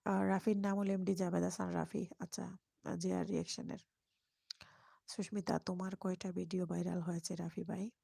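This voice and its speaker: A woman chats softly through her live stream, often dropping to a near-whisper. Her voice is husky and mellow, with a gravelly edge. The microphone sits close in a dry space. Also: lowish voice, flat delivery, normal speed, dry recording. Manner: speaks very softly, at times whispering. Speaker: live-stream host reading viewer comments. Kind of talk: casual live-stream chat.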